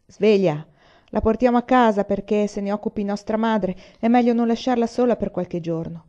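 A woman reading the lines of a gruff, burly young man in a curt, louder voice, in a dull lo-fi recording. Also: mid-range voice, moderate pace, natural voice. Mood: urgent. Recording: dull lo-fi audio.

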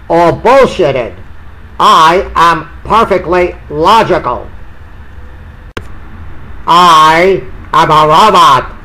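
A man voicing a deadpan male robot running for office, with a robot voice and a flat, mechanical, repetitive delivery in a parody campaign ad. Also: a little high, heavily acted, poor audio.

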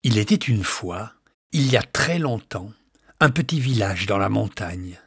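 A male storyteller reads a children's tale with very lively, expressive pitch that climbs and falls freely. Music plays clearly beneath his voice throughout. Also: unhurried. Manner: expressive, lively storytelling, hushed in calm parts.

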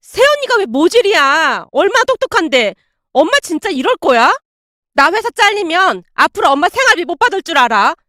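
Casting: a woman playing an upset young daughter, shrieking high, very lively pitch. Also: normal speed, no room sound, studio quality, full character voice. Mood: sobbing. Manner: wailing, yelling.

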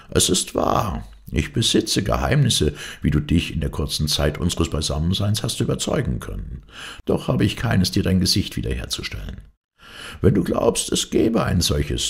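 A man voicing a stern old dervish, gravelly. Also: deep voice, voice pushed up, heavily acted. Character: stern, solemn male dervish, wise and unyielding. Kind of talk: audiobook fairy-tale reading.

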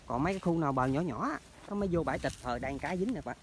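This man speaks very fast in a fairly high, animated voice, with a little hiss or hum in the audio. He's a hunting vlogger with a Mekong Delta Vietnamese accent, strolling through orchards and along canals in the countryside and chatting away to viewers he treats as friends.

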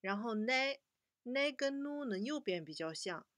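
A young woman teaching a children's language lesson, patiently slowing down to model each word for repetition. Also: fairly high pitch, expressive, fairly bright tone, no echo, clean studio sound.

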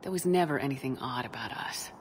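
A woman voicing a steady, wry, affectionate military space commander in a video game, understated and dryly teasing. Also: extremely low pitch, quick pace, slight background noise. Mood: gentle, sincere.

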